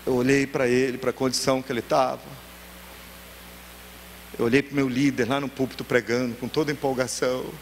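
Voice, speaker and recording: A man's voice: mid-range voice, brisk, long pauses. A male pastor preaching in a church hall, telling a story and acting out the dialogue. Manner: animated, acts out dialogue. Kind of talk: sermon storytelling. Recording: echoey church hall, faint noise.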